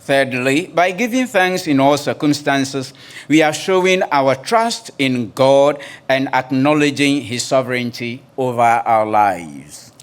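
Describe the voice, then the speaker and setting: A man preaching a sermon in slow, measured phrases, pausing for his interpreter. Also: mid-range voice, lively intonation, clear, resonant tone. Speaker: guest pastor.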